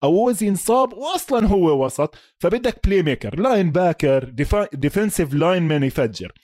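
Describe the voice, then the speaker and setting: A man's voice: high-pitched, lively intonation, fast, darkish tone, no room sound, clean studio sound. A man with a Levantine Arabic accent co-hosts a casual American football chat, talking emphatically and mixing in English sports terms and checking questions. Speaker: sports podcast co-host.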